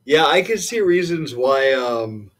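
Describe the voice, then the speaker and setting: A man's voice: medium pitch, expressive, measured pace, a bit bright. A man with an ordinary, middle-range voice talks casually about a video game's plot. He hesitates often and pads his sentences with fillers while working through his theories. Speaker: guest discussing the game. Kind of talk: casual game discussion.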